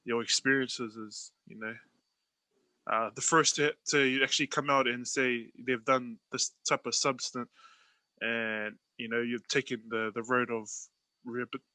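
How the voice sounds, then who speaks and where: Bright, crisp-edged New male podcast host. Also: mid-range voice, fairly even intonation, unhurried, no room sound, poor audio. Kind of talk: casual chat, hosting.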